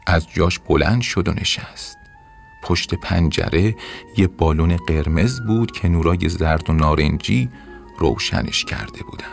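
A man narrating a bedtime story in a gentle, expressive way. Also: low voice, vocal fry. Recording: soft music under narration.

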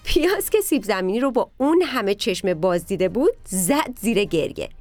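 A woman narrating a children's story, speaking directly to the kids in an animated way. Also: mid-range voice, dry recording, soft background music.

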